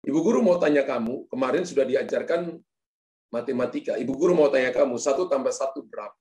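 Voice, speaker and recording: A man's voice: mid-range voice, quick pace, dark tone, echoey room, close to an everyday voice. A pastor voicing a stern female schoolteacher who scolds a pupil, in a sermon story. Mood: scolding. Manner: scolding, condescending.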